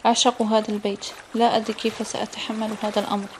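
A woman reading the part of a devoted young man in an audiobook, speaking quietly with a shaky, emotional voice. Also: medium pitch, level tone, racing, a little hiss or hum, lightly acted. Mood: wistful.

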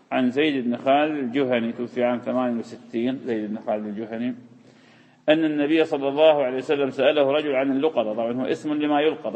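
A man lectures at a brisk clip, explaining each term and repeating the important words for his students. His voice is rough and gravelly. The recording sounds muffled and lo-fi, with a long hall reverb behind it. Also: mid-range voice. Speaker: hadith teacher. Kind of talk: classroom lecture.

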